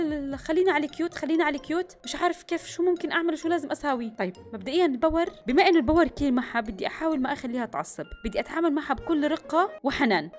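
A young woman giving excitable let's-play commentary, with bursts of screaming and quick whispers. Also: sits high. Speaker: gaming YouTuber.

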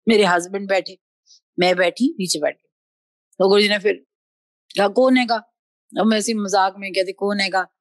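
A middle-aged woman telling a personal devotional story in an animated way, switching between Hindi and English. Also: mid-range voice, moderate pace, long pauses, no room sound. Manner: lively storyteller mixing Hindi and English, acting out quoted speech. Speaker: devotee sharing a testimony.

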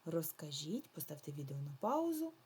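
Female teacher for a recorded remote kids' lesson. Patient, draws words out, dark and slightly breathy tone. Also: sits low, sing-song. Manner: slow, patient, drawn-out words for children. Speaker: primary school teacher. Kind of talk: remote lesson for young children.

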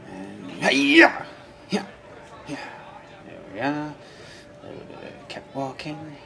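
A man's voice: fairly low pitch, noisy background. A man improvising a comic voice-over as commentator, with an offhand, sarcastic, muttering delivery.

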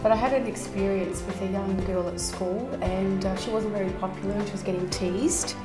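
A woman's voice: medium pitch, fairly even intonation, a little fast. A woman in her forties, a hair stylist, answering interview questions earnestly with plenty of ums. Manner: earnest, with many fillers. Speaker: hair stylist and salon owner. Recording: echoey room with music under it.

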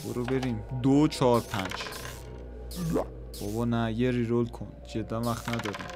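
A man's voice: medium pitch, steady tone. A man commentating a dice game he is playing, counting rolls aloud and swearing or cheering at the results. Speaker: gaming YouTuber. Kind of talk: casual let's-play commentary. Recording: game music behind voice.

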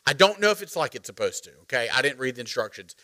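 A middle-aged man, preaching a sermon as pastor, animated and joking as he calls on the congregation. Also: mid-range voice, fast. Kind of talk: sermon with storytelling. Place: church sanctuary.

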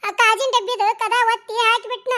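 A dramatic rustic village woman in a cartoon, played by a woman, chattering in a North Karnataka Kannada accent. Her voice sits very high and sounds bright and sharp. She tells her stories excitedly and scolds freely. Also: a little fast. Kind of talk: cartoon voice acting.

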